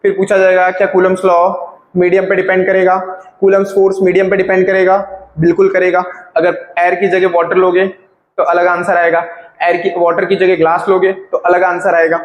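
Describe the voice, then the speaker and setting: A man's voice: high voice, completely flat delivery, normal speed, reverberant, dull audio. A man teaching a physics lecture, explaining step by step and often checking whether his students are following. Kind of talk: classroom lecture.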